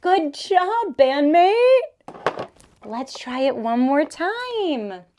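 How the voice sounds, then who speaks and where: High-pitched, slow-talking woman teaching toddlers. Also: very animated, a little mellow, a little hiss or hum. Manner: exaggerated, encouraging, simple short phrases. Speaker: children's educator and show host. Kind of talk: toddler teaching, playful and sing-song.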